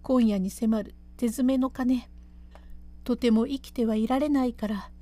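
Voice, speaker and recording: A woman voicing a composed courtesan who explains herself quietly and steadily in old pleasure-quarter speech. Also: on the high side, fairly even intonation, a little slow, natural voice. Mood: calm, quiet.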